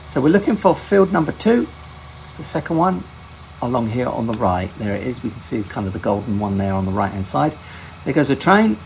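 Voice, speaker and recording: Man, gravelly voice, mid-pitched, rambling gameplay commentary, self-correcting, faint game engine hum behind. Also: rough recording. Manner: rambling, often corrects himself mid-sentence. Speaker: gaming channel host.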